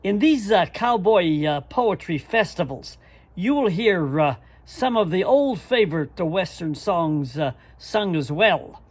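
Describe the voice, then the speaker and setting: A man presenting songs in spoken introductions, halting often with drawn-out hesitations. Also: high-pitched, lively intonation, slight background noise. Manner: halting, with frequent long hesitations and "uh".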